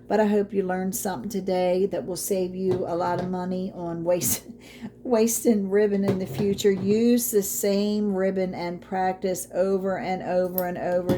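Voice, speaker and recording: Fairly low and mellow, this woman's voice comes with a little hiss or hum. She's losing her voice but stays chatty and encouraging through a casual craft tutorial, using y'all often.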